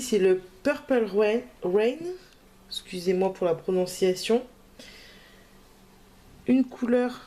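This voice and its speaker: A woman's voice: mid-range voice, warm tone. A woman crafting vlogger, talking in a casual, hesitant way with many fillers as she shows her purchases. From France. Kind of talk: casual haul video.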